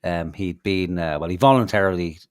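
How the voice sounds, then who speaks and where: A man's voice: deep voice, a little fast, clear, resonant tone, no room sound, clean studio sound. A man, co-hosting a podcast, telling rambling stories in casual chat with lots of fillers, restarts and swearing. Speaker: podcast co-host.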